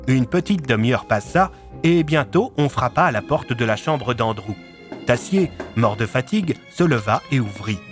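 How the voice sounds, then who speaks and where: A male narrator reading a scripted audiobook. He has a medium-pitched voice, tells the story steadily, and is heard over faint music. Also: lively intonation, moderate pace.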